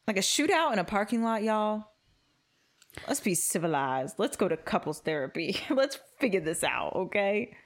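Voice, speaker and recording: A woman's voice: medium pitch, sing-song, moderate pace. A young woman co-hosting a casual true-crime podcast, joking as she tells the story. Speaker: podcast co-host.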